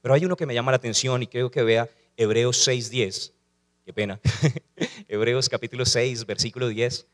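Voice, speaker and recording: A man's voice: medium pitch, steady tone, normal speed. A male pastor preaching a sermon, asking rhetorical questions and calling on the congregation to repeat after him.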